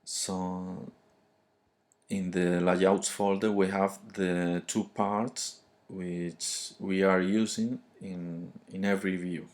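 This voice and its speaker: A man with a thick foreign accent giving an unscripted tutorial, halting and often searching for words. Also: sits low, flat delivery, a little mellow. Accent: thick foreign, non-native English. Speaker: programming tutorial presenter.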